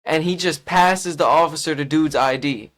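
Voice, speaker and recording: A man's voice: fairly high pitch, normal speed, fairly bright tone. A young man giving loose, profane reaction commentary, retelling a story with slang and laughs. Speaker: reaction streamer.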